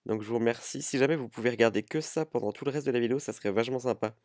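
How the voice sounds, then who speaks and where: A man's voice: mid-range voice, racing, a little mellow, dry recording. Mock-serious man in a dry voice-over. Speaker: vlogger. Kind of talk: voice-over added during editing.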